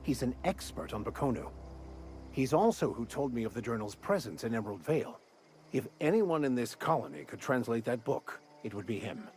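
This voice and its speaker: An actor voicing a worldly male vicar in a video game, speaking in a dry, measured way. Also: medium pitch, lively intonation, a little mellow, soft background music, lightly acted. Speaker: game companion.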